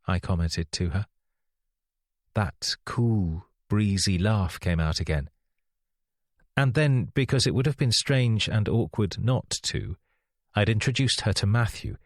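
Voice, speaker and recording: A male audiobook narrator reads a scripted mystery in a wry, measured storytelling style. His voice is fairly low, and the sound is clean studio audio with no room sound.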